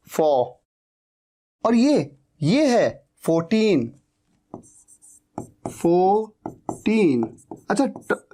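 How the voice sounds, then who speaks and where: A man teaching English pronunciation, drilling each word slowly and saying it again and again. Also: high-pitched, darkish tone. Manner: drills words slowly, repeating them. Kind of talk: pronunciation lesson.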